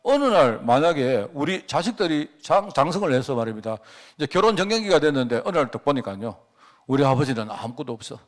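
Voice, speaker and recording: A middle-aged male pastor delivers a sermon with a slightly raised pitch and a very lively, swinging delivery. He keeps throwing rhetorical questions at the congregation and surges up and drops away as he tells a personal story. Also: a little fast.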